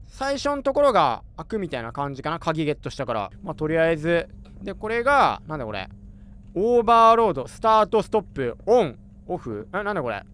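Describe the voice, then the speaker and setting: A man doing chatty, excitable commentary while playing a horror game, reacting aloud with jumpy exclamations. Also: high voice, a little hiss or hum. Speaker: gamer. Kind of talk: let's play commentary.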